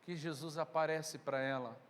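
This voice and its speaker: A man's voice: on the high side, fairly even intonation, moderate pace, a bit bright. A man preaching a sermon in a church, retelling the story emphatically and addressing the congregation directly. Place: church sanctuary. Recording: long reverb in a church hall.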